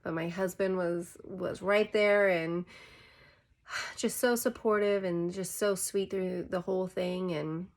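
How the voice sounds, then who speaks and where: A woman's voice: lowish voice, fairly even intonation, takes it slowly. A young woman vlogger telling a personal story in a casual, chatty way, full of "like" fillers. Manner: chatty, heavy use of "like" fillers.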